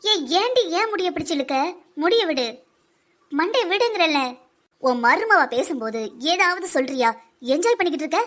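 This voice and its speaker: A woman's voice: lively intonation, moderate pace, fairly bright tone. A woman voicing a bossy, chatty older village mother-in-law in a cartoon, with a southern Tamil Nadu accent and a girlish voice. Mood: scolding. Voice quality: high, girlish voice for her age. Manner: teasing, bossy scolding. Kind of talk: village comedy cartoon dub.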